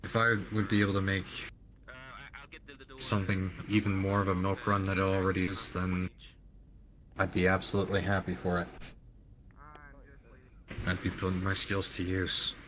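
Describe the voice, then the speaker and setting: A man talking hesitantly and softly in character during an online roleplay. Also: low voice, monotone, normal speed, long pauses, poor audio.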